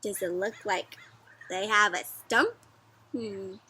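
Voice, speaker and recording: A woman with a mid-range, slightly rough voice reads a storybook slowly to young children. She's animated and teacherly and frequently prompts them with questions.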